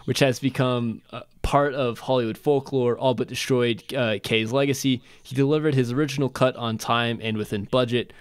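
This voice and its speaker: A man's voice: mid-range voice, steady tone, normal speed, few pauses, clear, resonant tone, no echo. A man co-hosting a podcast who reads a passage aloud with many hesitant fillers and a dry, sarcastic edge. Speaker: podcast co-host. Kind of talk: casual film discussion, reading aloud.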